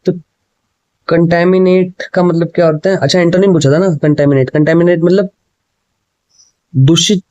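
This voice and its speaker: Man, casual exam prep teacher, mellow voice, reads questions slowly, then chats them through in Hindi and English. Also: a little high, fairly even intonation, no echo, highs cut off. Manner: explains in Hindi with English words, often says "ठीक है" and "भाई".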